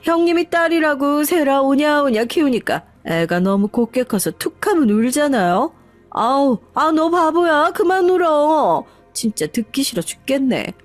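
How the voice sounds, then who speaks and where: A woman doing a shrill, sneering sister-in-law. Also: expressive, moderate pace. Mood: scornful. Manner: shrill, mocking, dismissive. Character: brash, rude younger sister-in-law, a doctor. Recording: faint background music.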